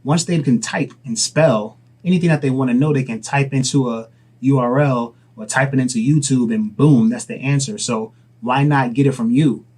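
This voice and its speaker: Earnest young dad giving advice. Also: male voice, medium pitch, normal speed, darkish tone. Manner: earnest, fatherly, rambling with restarts. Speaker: dad vlogger and entrepreneur. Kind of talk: casual advice vlog.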